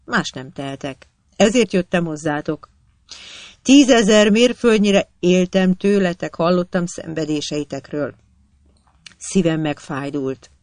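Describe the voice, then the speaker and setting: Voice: mid-range voice, no echo, close to an everyday voice. A narrator voicing a pleading young woman doctor. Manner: pleading, insistent. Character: earnest young woman doctor, devoted and patient. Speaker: hospital doctor.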